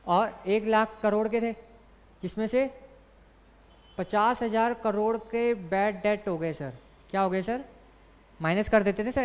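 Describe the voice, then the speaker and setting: A woman teaching an online exam class, explaining step by step and asking and answering her own questions. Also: mid-range voice. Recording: long hall reverb.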